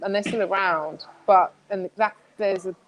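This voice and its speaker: A woman's voice: mid-range voice, steady tone, normal speed, a little hiss or hum, low-quality recording. A woman speaking as a guest in a casual interview, chatty, with many restarts and fillers.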